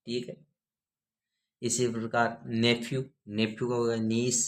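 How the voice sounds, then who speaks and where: A man's voice: medium pitch, monotone, unhurried. A man teaching a grammar lesson, spelling words out letter by letter and asking his students questions.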